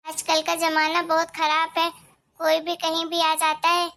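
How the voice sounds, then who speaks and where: A woman's voice: very high-pitched, monotone, measured pace, bright, forceful tone, heavily acted. A woman voicing a strict older mother-in-law in a cartoon story, giving orders in a commanding way. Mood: bossy. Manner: instructing, commanding.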